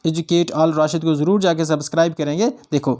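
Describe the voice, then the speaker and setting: High-voiced man teaching a grammar class. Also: fairly even intonation, darkish tone. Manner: explains slowly, repeats points, asks the students questions. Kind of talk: exam-prep grammar lesson.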